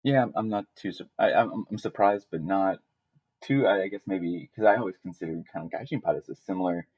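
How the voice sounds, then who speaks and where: A man's voice: deep voice, breathy edge, no echo, highs cut off. A man co-hosting a podcast, talking casually and hesitantly with many restarts. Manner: hesitant, restarts often, relaxed. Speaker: podcast co-host.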